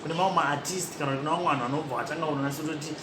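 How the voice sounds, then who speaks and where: Very fast and fairly even in intonation, a fairly high-pitched man hosts a podcast of casual, meandering commentary that switches between Shona and English. He laughs at himself occasionally, and the echoey room has noisy background sound.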